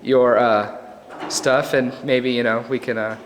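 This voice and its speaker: A man's voice: mid-range voice, steady tone, unhurried, slight background noise. A man playing a film director in a comedy sketch, who stammers and rambles eagerly. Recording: echoey room.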